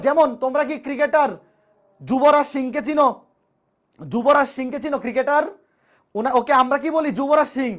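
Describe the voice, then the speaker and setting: A teacher gives a live online maths lecture, repeating each point and asking the class rhetorical questions. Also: high-pitched. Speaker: math teacher.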